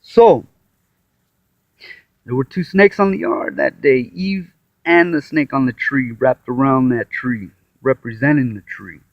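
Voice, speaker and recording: A weary man talks slowly through his thoughts on scripture, drifting and circling back with sighs and restarts. His voice sits in a middling register and comes across dull and muffled, dry with no room sound. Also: medium pitch, no room sound. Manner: meandering, with sighs, restarts and acted-out quotes. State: tired. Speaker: self-taught Bible commentator. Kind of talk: casual rambling Bible talk to camera.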